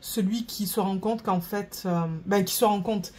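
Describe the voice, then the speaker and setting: A woman's voice: medium pitch, steady tone, moderate pace, a little mellow. A woman vlogger chatting casually, rambling and searching for words while she sorts craft beads. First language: French. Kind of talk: casual chat.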